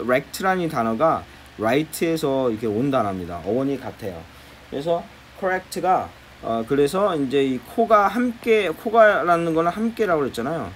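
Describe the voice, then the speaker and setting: A man's voice: mid-range voice, a little hiss or hum. A man teaching English phrases in Korean, explaining patiently and repeating key phrases for his students.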